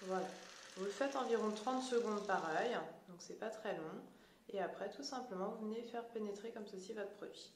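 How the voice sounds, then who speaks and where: A woman talks through a skincare product demonstration and explains each step plainly to the viewer. Her voice sits at an ordinary pitch. The room gives her voice a noticeable echo, and a faint ambient noise runs underneath. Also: normal speed. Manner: explanatory, addresses viewers directly. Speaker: beauty product seller.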